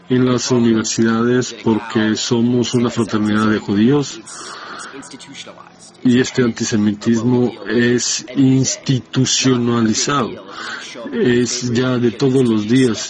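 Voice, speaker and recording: A man giving a spoken testimony in a halting, hesitant way, breaking off and restarting his sentences. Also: medium pitch, darkish tone. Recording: dull lo-fi sound.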